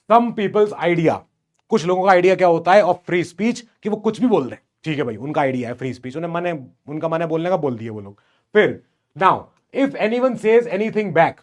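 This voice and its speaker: A man with an Indian accent teaching an online class, conversational and teasing, mixing Hindi and English and slowing to dictate English word by word. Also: on the high side.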